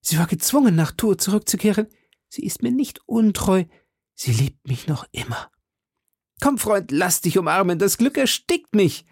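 A man's voice: mid-range voice, measured pace, gravelly, mellow, no echo, studio quality, pitched above the performer's own voice. A man reading an audiobook, voicing a melodramatic, brooding young musketeer in a raised, solemn, theatrical voice. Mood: overjoyed.

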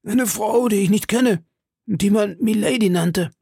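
A man's voice: high voice, unhurried, creaky, a little mellow, breathy edge, no room sound, clean studio sound, voice pushed up, exaggerated voice. A man voicing a wounded, frightened soldier and hired assassin who pleads and stammers, weak from blood loss. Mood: fearful. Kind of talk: audiobook character reading.

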